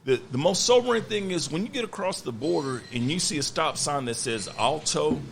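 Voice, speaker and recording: A man's voice: a little high, animated, fairly quick, vocal fry, background noise. A man in his late forties, talking bluntly and matter-of-factly in a casual chat. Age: 40s.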